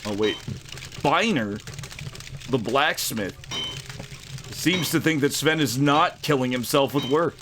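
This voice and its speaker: A man streaming live, commenting animatedly on an educational game, laughing and shouting at characters. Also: medium pitch, takes it slowly, long pauses, background noise.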